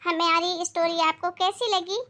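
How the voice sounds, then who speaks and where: A woman's voice: extremely high pitch, fairly even intonation, unhurried, sharp tone. A woman host addressing her viewers in a friendly, advising way at the end of a video. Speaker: channel host.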